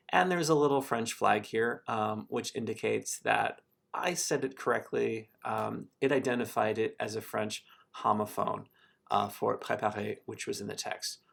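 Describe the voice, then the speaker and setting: A man with a fairly low voice and a gravelly, fry-tinged edge talks through a software tutorial. He explains each step calmly and methodically as he clicks along. It sounds like a plain screen recording into a computer mic.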